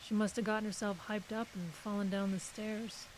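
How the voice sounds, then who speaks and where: The hissy, low-quality recording captures a woman acting lightly in a naturalistic audio drama as a guarded, curt literary agent. Her mid-range voice barely moves in pitch and runs a little fast, with a dry, brusque, reflective feel.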